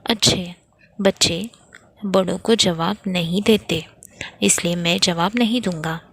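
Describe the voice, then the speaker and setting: A woman voicing a cheeky young boy who answers back innocently, read slowly. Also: on the low side, a bit bright, husky, full character voice.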